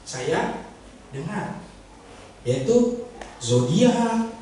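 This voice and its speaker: A man's voice: high-pitched, sing-song, extremely slow, dark tone, slight background noise. A man preaching to a congregation, acting out a pleading sinner in a dramatic sermon illustration. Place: church hall. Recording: echoey church hall from far off.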